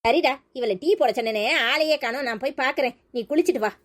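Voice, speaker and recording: A woman voicing a bossy older mother-in-law in a cartoon, brisk and commanding. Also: high voice, lightly acted.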